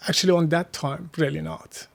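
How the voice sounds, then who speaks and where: A man from Afghanistan, a guest in a casual interview, speaking halting second-language English with restarts and soft laughs. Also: a little high, fairly even intonation, creaky.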